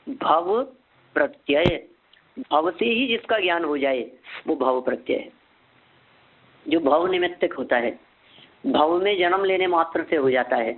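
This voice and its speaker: A man teaching a scripture lesson, asking and answering his own questions and repeating key terms slowly so they can be memorized. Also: sits high, very animated, gravelly. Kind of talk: scripture lecture. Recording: phone-like narrow sound.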